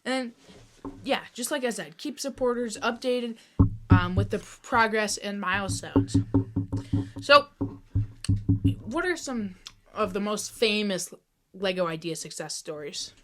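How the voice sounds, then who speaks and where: A woman co-hosting a casual podcast, chatty and enthusiastic, quick to tease her co-host. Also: mid-range voice, lively intonation, a bit bright, slight background noise.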